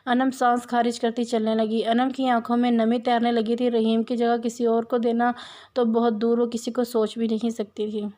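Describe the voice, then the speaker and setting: Woman reading a novel in a flat voice. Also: a little high, moderate pace. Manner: plain, steady, with small hesitations. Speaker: novel reader, channel host. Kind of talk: reading a romance novel aloud.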